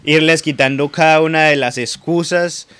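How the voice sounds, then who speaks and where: A man's voice: a little high, fairly even intonation, normal speed, a bit bright, slight background noise. A man from Colombia with a Colombian accent, talking in a casual radio sports debate and often restarting his sentences. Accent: Colombian Spanish. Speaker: radio pundit.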